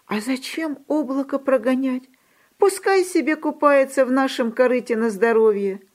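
A woman voicing a sleepy, grumbling young male puppy in a children's storybook, speaking in a drowsy, slow way. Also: sits high, a little mellow, pitched above the performer's own voice, natural voice. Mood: easygoing.

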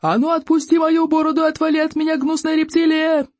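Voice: mid-range voice, big pitch swings, slow pace, darkish tone, breathy edge, no echo, full character voice. A narrator voicing a big, commanding Viking chief and father who roars his orders, in an audiobook reading. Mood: roaring. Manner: roaring, commanding. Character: huge bellowing Viking chief father, middle-aged man.

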